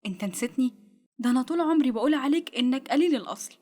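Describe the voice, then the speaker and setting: A woman's voice: high-pitched, expressive, racing, darkish tone. A woman reading the lines of a dead young man in an Egyptian accent, taunting and insistent. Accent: Egyptian Arabic.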